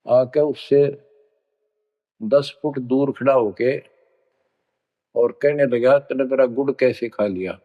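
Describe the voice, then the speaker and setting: A male preacher tells a sermon story at an unhurried pace and speaks to his listeners as children. His voice sits in a middle register. The recording is muffled and lo-fi, with a long hall echo trailing each phrase. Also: mid-range voice. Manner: addresses listeners as children, slow deliberate storytelling. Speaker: spiritual preacher. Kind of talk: storytelling sermon with chanted verses. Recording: reverberant, dull lo-fi recording.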